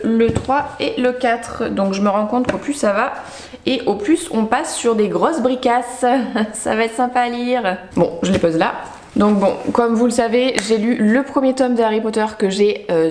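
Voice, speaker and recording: In an echoey room, a young woman with a slightly high, somewhat mellow voice does a casual book haul. This book vlogger is talkative and self-mocking and uses plenty of fillers while chatting about her purchases.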